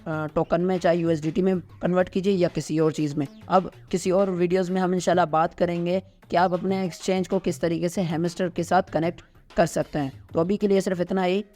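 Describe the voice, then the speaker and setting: High-pitched Pakistani Urdu tutorial man. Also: flat delivery, brisk, mellow, faint music behind. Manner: step-by-step instructing, frequent "theek hai" check-ins. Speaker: host of a crypto tutorial. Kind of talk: screen-recorded tutorial walkthrough.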